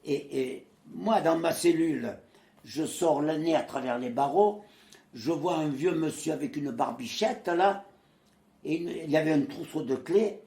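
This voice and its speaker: A man in his nineties who came from Marseille and fought in the resistance remembers the war in an interview, speaking at a measured pace in a slightly high, creaky voice. He hesitates often but performs the voices of those he quotes, in a roomy-sounding space.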